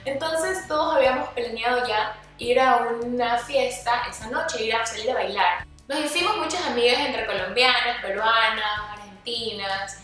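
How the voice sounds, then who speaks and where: A young woman from Ecuador telling a casual storytime vlog, lively, sometimes acting out quoted dialogue. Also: fairly high pitch, moderate pace, few pauses, distant mic. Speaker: vlogger. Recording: echoey room, voice a bit off-mic, faint music.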